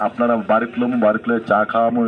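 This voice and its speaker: A man's voice: mid-range voice, monotone, rapid-fire, phone-quality sound. A man with a colloquial Bangladeshi accent selling medicine on the street in insistent, repetitive barker-style patter. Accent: Bangladeshi colloquial Bengali.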